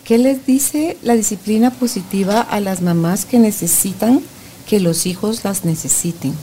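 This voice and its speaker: A woman's voice: mid-range voice, measured pace, mellow, a little hiss or hum. A woman hosting an interview, asking short questions and agreeing often. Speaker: podcast host. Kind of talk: conversational interview.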